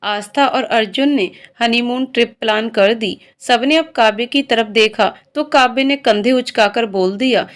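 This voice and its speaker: A woman narrating a family story in a steady, clear reading voice. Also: on the high side, unhurried, hardly any pauses.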